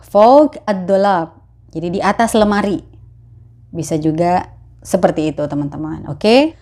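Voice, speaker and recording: A woman's voice: on the low side, mellow. Chatty woman teaching Arabic phrases. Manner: chatty, repeats phrases slowly for learners. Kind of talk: casual language lesson.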